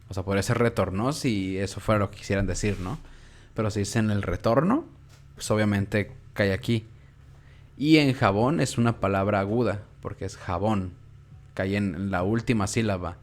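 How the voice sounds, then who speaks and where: A young man with a Mexican Spanish accent leads a relaxed, casual class, saying words aloud repeatedly to show where the stress lands. His voice sits fairly low.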